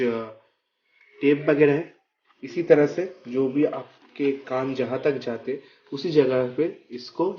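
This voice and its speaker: The highs are cut off on this recording of a man with a medium-pitched voice. As a product review vlogger, he explains a product hands-on in a casual, step-by-step way, often checking that the viewer keeps up.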